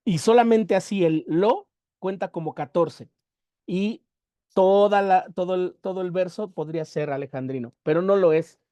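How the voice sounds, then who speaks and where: Teacher, warm mellow tone, patient syllable-by-syllable explainer. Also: medium pitch, no echo. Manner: methodical, spells out syllables slowly with emphasis. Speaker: literature workshop teacher. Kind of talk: explanatory lecture.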